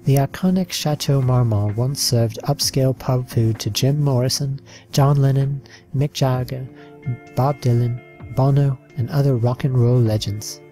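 A man narrating a slideshow in an even, listing read with the odd slip. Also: medium pitch, measured pace, soft background music.

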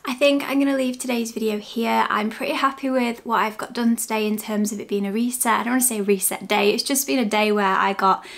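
A woman chatting casually to camera as a home and lifestyle vlogger, soft and friendly. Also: fairly high pitch, steady tone, fairly quick, vocal fry, hardly any pauses. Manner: soft, chatty, sometimes whispering. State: out of breath. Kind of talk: casual vlog chat to camera.

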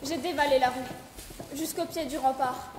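A young woman acts a traumatized captive in a stage tragedy. Her high voice declaims in anguish. It echoes in a theater with clear background noise. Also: steady tone, measured pace. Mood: haunted, anguished.

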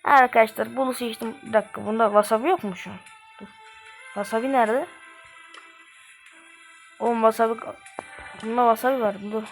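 Over game music, a female gaming channel host plays and trash-talks the game with eager, slang-filled live commentary. She speaks a little high and a little fast, broken up by long pauses.

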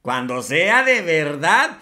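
A man's voice: a little high, sing-song, slow pace, bright, forceful tone. A man with a Mexican accent giving scornful, emphatic political commentary for a vlog, drawing out his words.

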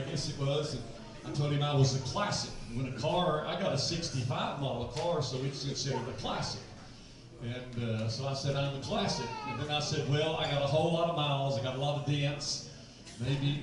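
A man's voice: medium pitch, noisy background. Folksy preacher in his fifties. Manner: folksy, quick, repeats phrases. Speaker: pastor. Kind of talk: sermon. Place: church sanctuary, large room. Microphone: handheld mic at a pulpit. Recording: roomy church sound from far off.

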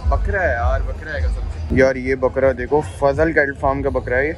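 A young man from Pakistan with a Karachi Urdu accent, giving excited casual vlog commentary while walking around an outdoor cattle show. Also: medium pitch, normal speed, music in the background. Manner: excited, exclaiming over animals. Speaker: vlogger.

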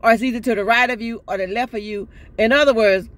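A woman's voice: fairly high pitch, steady tone, fast talker. An older woman chatting in a casual selfie vlog from her parked car, exasperated and laughing often. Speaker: vlogger. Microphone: phone held at arm's length.

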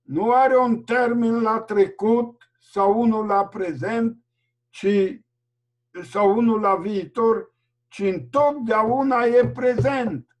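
Man preacher, very high voice, fervent sermon over a video call, loud bursts and slow stretched phrases.

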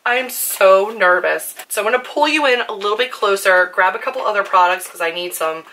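A young woman with a hoarse, worn voice, chatting casually while demonstrating makeup on her channel. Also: medium pitch, lively intonation, brisk, bright, forceful tone, slight background noise. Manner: chatty, filler-heavy, self-deprecating. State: hoarse from screaming. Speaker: beauty vlogger.

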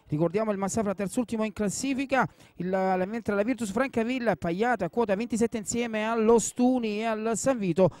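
A man giving excited live football commentary, repeating names and phrases. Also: sits high, brisk, no room sound.

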